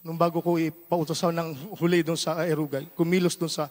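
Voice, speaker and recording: A man with a Filipino accent preaching a testimony sermon, moving from quiet storytelling to shouted praise. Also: fairly high pitch, flat delivery, fairly quick. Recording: long hall reverb with faint music.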